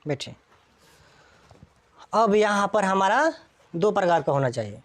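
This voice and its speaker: A woman's voice: mid-range voice, expressive, a little slow. A woman teaching English grammar to a classroom, constantly checking whether students follow.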